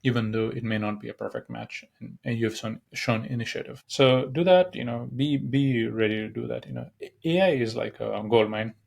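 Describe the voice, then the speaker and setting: A man's voice: mid-range voice, normal speed, gravelly, few pauses, a little mellow. A young man from Nepal hosting a solo podcast, talking casually and rambling with many fillers and restarts. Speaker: podcast host.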